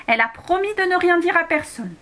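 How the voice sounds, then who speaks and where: Woman putting on a high perky schoolgirl voice, eager, takes the lead, storybook reading. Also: animated, a little fast, fairly bright tone. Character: young schoolgirl, bold and eager.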